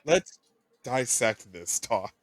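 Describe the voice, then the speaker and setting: A man co-hosting a casual animation podcast, teasing his partner and breaking into animated bursts of emphasis. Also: medium pitch, slow pace, dry recording. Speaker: podcast co-host. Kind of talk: casual chat.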